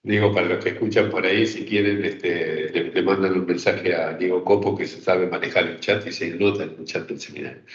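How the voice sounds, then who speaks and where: A man's voice: deep voice, fairly even intonation, a little fast, few pauses. A man teaching an online psychoanalysis seminar, talking thoughtfully with many fillers and checks to his listeners. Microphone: video call. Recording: roomy, dull online call audio.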